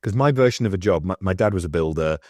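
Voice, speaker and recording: A man's voice: sits low, lively intonation, fast talker, darkish tone, no echo, studio quality. A man hosting a casual interview podcast, asking eager, chatty questions. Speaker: podcast host.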